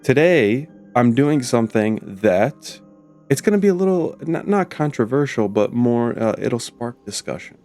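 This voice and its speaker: A man with a voice still rough from being sick, hosting a casual, chatty reaction video with excitable tangents and casual swearing. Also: a little slow. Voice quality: deep husky radio-like voice. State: voice rough from recovering from illness. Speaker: YouTube host reading Reddit stories. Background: faint ambient music.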